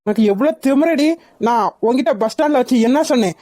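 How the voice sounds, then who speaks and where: A woman's voice: high voice, fast, warm tone, no room sound. A woman voicing a pushy, threatening young rowdy man in a cartoon. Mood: menacing. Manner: menacing, bullying.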